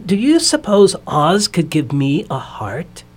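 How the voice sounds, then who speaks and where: A woman voicing a polite, sad male tin man who speaks slowly and mournfully in a storybook reading. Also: lowish voice, very animated, a little mellow, husky, exaggerated voice. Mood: grateful.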